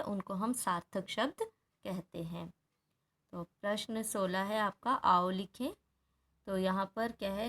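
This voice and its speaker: Slow, patient woman teaching Hindi. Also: medium pitch. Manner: patient, explains step by step, frequent "है ना" checks. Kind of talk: workbook lesson walkthrough.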